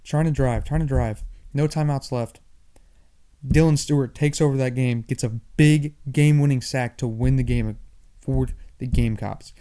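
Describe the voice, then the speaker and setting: A young man hosting a sports podcast, talking fast and animated in a casual monologue, often repeating himself. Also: medium pitch, smooth. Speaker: podcast host.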